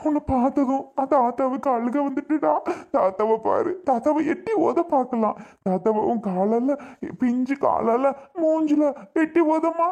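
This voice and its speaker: A woman's voice: high-pitched, mellow. A woman voicing a tearful elderly grandfather in a home-made cartoon, talking in an emotional, self-mocking way. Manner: sobbing, emotional, self-deprecating.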